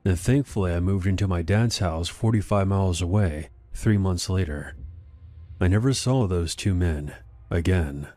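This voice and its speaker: A man reading first-person horror stories as scripted narration, in a measured, even manner. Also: low voice.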